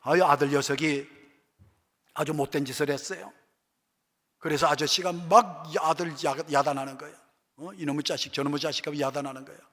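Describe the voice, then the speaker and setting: A middle-aged male pastor preaching with dramatic force, suddenly rising to loud peaks and then dropping to near-whispers. His voice is bright and sits a little high. The sound carries the long reverb of a church sanctuary. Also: moderate pace, long pauses. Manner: dramatic, swings from shouting to hushed. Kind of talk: sermon.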